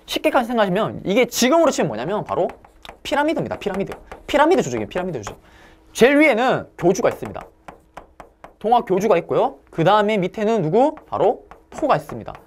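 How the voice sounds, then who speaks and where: A woman's voice: mid-range voice, sing-song, quick pace, slight background noise. A woman giving an exam-prep history lecture, asking the class questions and answering them herself.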